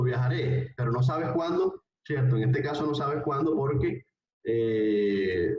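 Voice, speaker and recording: A man's voice: mid-range voice, a little mellow. A male language teacher giving a live online class, speaking patiently, repeating phrases and often checking that students follow. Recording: roomy, distant, dull online-call recording.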